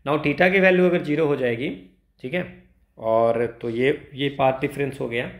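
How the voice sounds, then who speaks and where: This is an Indian male tutor solving exam problems step by step in a hesitant teaching style. He code-switches between Hindi and English and regularly inserts small tags to check in, all in a mid-range voice.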